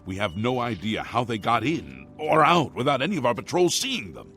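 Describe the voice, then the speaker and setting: A sly, suggestive game guard. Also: male voice, medium pitch, very animated, normal speed, fairly bright tone, faint music behind. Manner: insinuating, suggestive.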